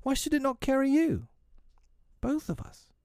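A man's voice: very high voice, sing-song, unhurried, vocal fry, darkish tone, no echo, studio quality, pitched above the performer's own voice, exaggerated voice. A man playing a proud, daring boy hero. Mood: eager. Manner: earnest, boyish and raised. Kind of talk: storybook reading.

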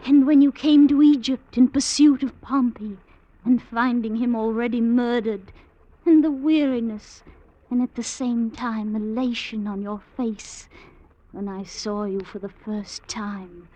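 Slow, adoring Cleopatra. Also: female voice, fairly high pitch, fairly even intonation, mellow, no echo. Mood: worshipful. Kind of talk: 1950s radio drama acting. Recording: dull old radio recording.

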